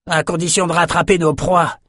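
Raider captain, gruff and bullying, man doing the voice pitched high above his own voice, barking orders, dry close sound. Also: flat delivery, normal speed, a bit bright, dry recording. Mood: scornful. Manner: bellowing orders, insulting. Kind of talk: audiobook character voice.

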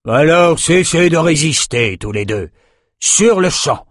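A ruthless raider captain gives cold, clipped orders, as a male narrator puts him on. The voice is pushed a little higher and louder than the reader's own. The recording is dry and close. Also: expressive, takes it slowly, no room sound, heavily acted. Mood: menacing.

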